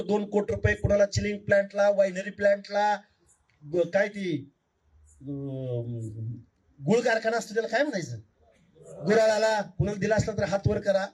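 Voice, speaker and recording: A man's voice: high voice, a little mellow, distant mic, low-quality recording. A man giving an impassioned political speech at a public meeting. He pleads with the crowd and fires rhetorical questions at them. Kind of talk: fiery political rally speech.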